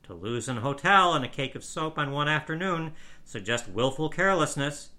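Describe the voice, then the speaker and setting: A man reading a story aloud, voicing a calm gentleman who speaks in a dry, measured, judicious way. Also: fairly high pitch, voice pushed up.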